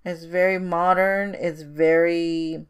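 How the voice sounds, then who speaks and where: An Indonesian woman co-hosts a podcast, chatting casually and repeating words for emphasis. Her voice is fairly low, slow, steady and clean.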